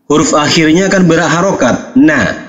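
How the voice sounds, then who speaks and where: A man's voice: a little high, animated, measured pace, a bit bright. A man teaching Quran recitation in a casual spoken lesson, explaining patiently, repeating examples and checking that the listener understands. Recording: dull lo-fi sound.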